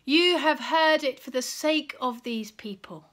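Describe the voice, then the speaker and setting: A woman voicing Jesus as a calm, sorrowful grown man in a children's storybook reading, speaking slowly and solemnly. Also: a little high.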